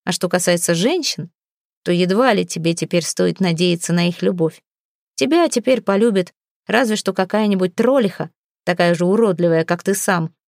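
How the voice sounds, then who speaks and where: A woman's voice: on the low side, moderate pace, darkish tone, no room sound, clean studio sound, lightly acted. A woman reading the part of a jealous, hot-tempered young man, a king's heir, speaking with irritation and scorn. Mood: scornful.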